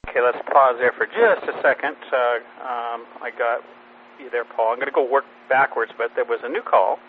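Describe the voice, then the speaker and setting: Male net control operator heard over a radio transmission with static. Tinny, narrow audio and a steady hiss. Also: medium pitch, normal speed. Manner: reads a set preamble, with some fillers and restarts. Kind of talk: running a ham radio net.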